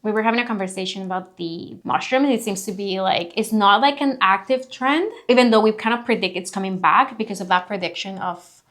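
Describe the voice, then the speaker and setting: A woman's voice: mid-range voice, brisk, fairly bright tone. A woman co-hosting a casual podcast, explaining ingredients at length with frequent fillers and restarts. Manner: explanatory, hedging with many fillers. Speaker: co-host. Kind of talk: casual product review chat.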